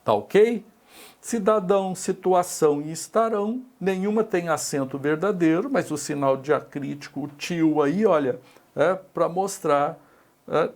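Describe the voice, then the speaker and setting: A man's voice: on the high side, a little slow, creaky. A middle-aged Brazilian man with a Brazilian Portuguese accent teaching an exam-prep grammar lesson, explaining step by step and checking in with tag questions.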